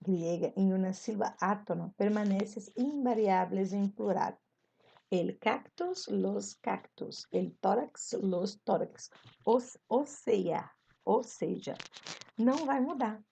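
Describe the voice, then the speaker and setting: A woman Spanish teacher with a Brazilian Portuguese accent, giving an online class, slowly repeating examples and explaining them. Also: medium pitch, vocal fry, dark tone, breathy edge, rough recording.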